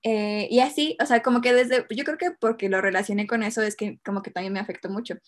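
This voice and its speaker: A woman's voice: mid-range voice, steady tone, quick pace. A young woman with a Mexican Spanish accent telling a personal story in casual chat, hesitant, with many fillers and nervous laughs.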